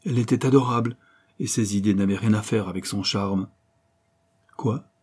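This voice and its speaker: Brief: male audiobook narrator, low husky voice, steady reading. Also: brisk. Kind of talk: scripted narration.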